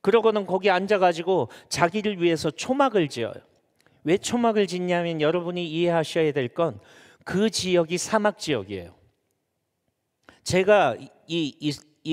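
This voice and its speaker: A male pastor preaching a sermon in a lively, colloquial way, asking his congregation questions. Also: a little high. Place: church sanctuary. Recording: long church reverb.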